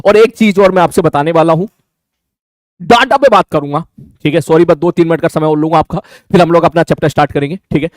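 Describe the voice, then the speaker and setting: A man teaching a live online class, talking fast and repeating his phrases with frequent checks for understanding. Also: fairly high pitch, dry recording, studio quality.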